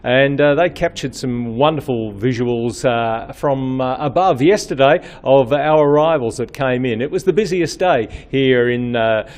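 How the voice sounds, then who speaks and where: A man hosting a race news update, speaking in a relaxed way with many filler sounds. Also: mid-range voice, unhurried, hardly any pauses.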